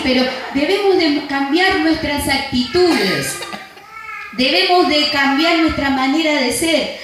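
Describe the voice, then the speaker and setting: A woman's voice: high-pitched, a bit bright, slight background noise. A woman pastor with an Argentine Rioplatense accent, preaching a sermon and telling stories with acted-out quotes. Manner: storytelling, acting out quotes. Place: church. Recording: very echoey church room.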